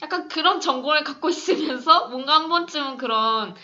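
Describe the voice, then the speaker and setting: A woman's voice: high voice, fairly quick, sharp tone. A young woman chatting casually about a film as a host, joking and self-deprecating, with slightly slurred, hissy consonants from dental braces. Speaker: podcast host. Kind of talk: casual film discussion chat. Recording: dull lo-fi recording.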